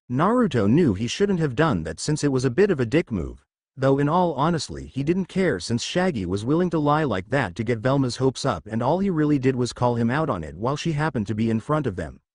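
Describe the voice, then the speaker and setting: A man narrating a fan fiction story in a steady read-aloud style. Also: medium pitch, no echo, studio quality. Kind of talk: scripted narration.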